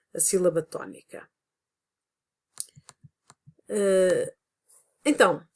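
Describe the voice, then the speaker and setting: A woman's voice: mid-range voice, darkish tone. Hesitant European Portuguese woman teaching. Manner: explanatory, with frequent hesitant fillers. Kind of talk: recorded online lesson.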